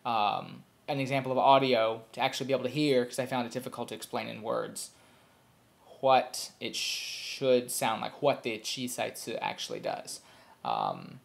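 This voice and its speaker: A young man in a quick, casual home video, mid-pitched and rambling. He fills his talk with ums and restarts, and he stops to sound out short examples. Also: animated, gravelly. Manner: demonstrates sounds aloud. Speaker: language learner explaining pronunciation.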